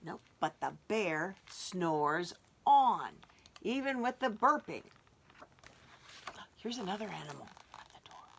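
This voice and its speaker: Gravelly, animated woman reading a bedtime story. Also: lowish voice. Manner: animated, asks listeners to join in, whispers for suspense. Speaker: children's librarian. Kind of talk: reading a picture book aloud to children.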